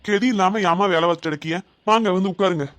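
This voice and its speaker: A woman voicing an exasperated grown son and husband in a family comedy skit, fast, scolding and fed up. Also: lowish voice, lightly acted. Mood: soothing.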